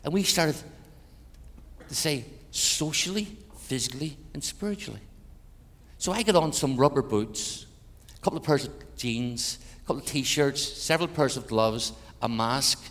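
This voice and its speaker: An older man with an Irish accent, a missionary preacher telling animated, joking stories in a sermon to a congregation. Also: mid-range voice, normal speed. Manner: animated, jokey storyteller. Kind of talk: storytelling sermon. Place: church hall with a congregation. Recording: echoey hall, faint ambience.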